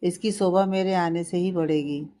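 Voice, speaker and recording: A man's voice: high voice, fairly even intonation, normal speed, mellow, lightly acted. A woman reading a curt, arrogant tycoon. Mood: dismissive. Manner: curt, dismissive. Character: aloof, arrogant young male business tycoon.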